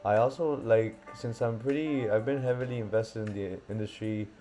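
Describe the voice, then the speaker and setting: Hosting a live stream, this young Miami forex trader has a mellow voice on the low side and a moderate pace. He chats casually, thinking aloud with many fillers, and faint lo-fi music plays in the background.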